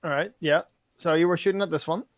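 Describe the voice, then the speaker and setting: A man's voice: on the high side, steady tone, fast, no room sound. A man running a tabletop game online, narrating loosely with lots of fillers and swearing. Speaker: game master.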